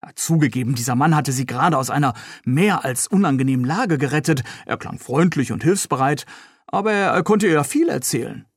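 A man reads from his novel in a calm storytelling voice. His pitch sits a touch high, and the sound is close and dry. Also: breathy edge, dry recording. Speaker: author reading his novel. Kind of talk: novel reading.

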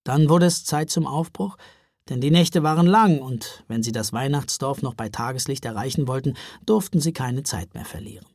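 Husky woman reading a storybook. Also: very deep voice, normal speed, no echo, clean studio sound. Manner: lively, expressive. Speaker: narrator.

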